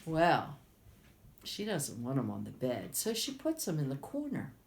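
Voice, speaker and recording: Slow, lively-voiced woman librarian. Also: a bass voice, gravelly. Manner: gentle, explains to kids, dramatic whispers. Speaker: children's librarian. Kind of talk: children's storytime.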